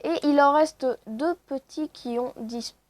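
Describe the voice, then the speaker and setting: A woman with a high-pitched voice narrates her game as she plays. She talks casually, mocks herself and fills pauses with quick asides. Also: no room sound. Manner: chatty, self-mocking, lots of "voilà" fillers. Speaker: let's play host. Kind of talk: casual gaming commentary.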